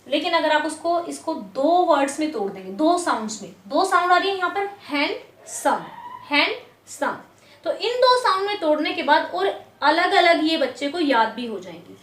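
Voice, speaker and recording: A woman teacher explains a lesson to parents in a high voice. She is patient and says key words slowly, syllable by syllable. The sound is echoey, as in a bare room. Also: big pitch swings, a bit bright.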